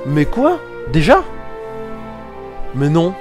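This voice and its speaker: A man giving casual, excitable commentary while playing a war game, swearing and talking back to the game. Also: on the high side, very slow. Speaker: let's play gamer. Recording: game music under voice.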